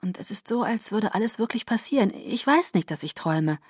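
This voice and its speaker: A woman's voice: mid-range voice, lively intonation, fairly quick, husky, no room sound, studio quality. A woman voicing a yearning young woman, tearful with a breaking voice. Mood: dreamy.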